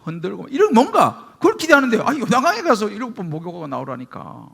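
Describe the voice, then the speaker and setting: A middle-aged pastor from Korea's Gyeongsang region preaches a sermon in a high, quick, creaky and slightly rough voice. He tells stories with animation, acting out the voices of the people he quotes.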